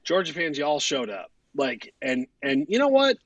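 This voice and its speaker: A man co-hosting a sports podcast, telling stories in a rambling, profane, animated way. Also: on the high side, moderate pace, no echo, highs cut off. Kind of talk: casual chat.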